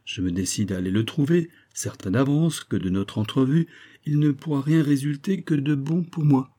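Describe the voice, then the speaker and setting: A cool, scheming crook, voiced by a man reading an audiobook lays out his plans in calm, persuasive reasoning. The tone is dark and mellow, with a husky edge, and the pitch lifts higher than the reader's own. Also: moderate pace, natural voice. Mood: calculating. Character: cynical scheming male criminal plotting a murder. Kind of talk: audiobook character voice.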